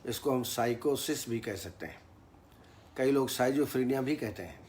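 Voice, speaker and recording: A man teaching Ayurveda in a formal lecture, speaking in a measured tone and reciting Sanskrit verses. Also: medium pitch, expressive, darkish tone, a little hiss or hum.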